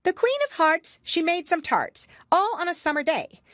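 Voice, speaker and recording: A woman voicing an officious, excitable rabbit court herald in a storybook, crying out proclamations. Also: extremely high pitch, moderate pace, no echo, voice pushed up, heavily acted. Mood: proclaiming.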